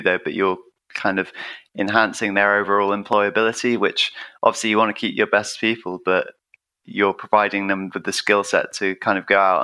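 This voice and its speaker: A man's voice: fairly low pitch, bright, forceful tone. A man hosting a podcast, affirming his guest and asking questions with frequent "kind of" fillers. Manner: affirming, heavy use of "kind of". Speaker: podcast host.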